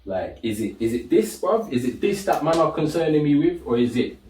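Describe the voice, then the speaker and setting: A young British man talks casually on a podcast, animated and full of slang, his voice leaping up when he retells stories. The tone is mellow. He sits back from the mic in a roomy space. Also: fairly high pitch, a little fast, far from the mic. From Britain. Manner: animated, heavy slang, rises sharply when telling stories. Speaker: podcast co-host. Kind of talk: casual chat.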